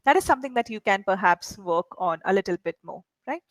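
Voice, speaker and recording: A woman's voice: mid-range voice, lively intonation, a little fast, no echo, rough recording. Encouraging woman English tutor, dry close sound. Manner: encouraging, explains with frequent "right?" checks. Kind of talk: one-on-one spoken English coaching.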